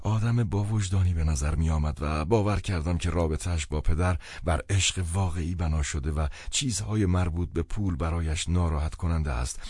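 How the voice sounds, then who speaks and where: A man narrating a novel in the first person, measured and expressive. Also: low voice, slightly rough, no room sound, clean studio sound. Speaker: audiobook narrator.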